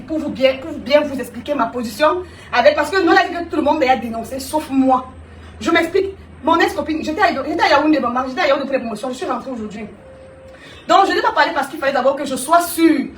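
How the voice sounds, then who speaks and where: High-voiced woman streaming live. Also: echoey room, distant mic, a little hiss or hum. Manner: animated, teasing, addresses viewers directly. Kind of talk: live stream monologue to viewers.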